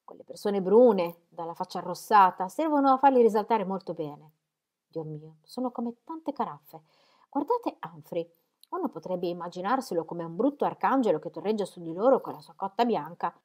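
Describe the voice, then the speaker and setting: A sharp-tongued gossiping lady, as a woman reading puts her on, tossing off teasing, mocking remarks. Her voice rides a little higher than the reader's own, storybook style. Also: expressive, moderate pace, natural voice.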